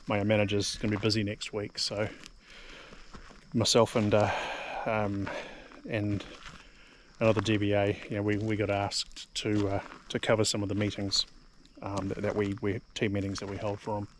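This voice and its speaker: Speaking with a completely flat delivery at a moderate pace, this fairly low-voiced middle-aged vlogger from New Zealand rambles casually to the camera in his New Zealand accent. He fills his talk with ums and repeated words, and faint background noise is audible.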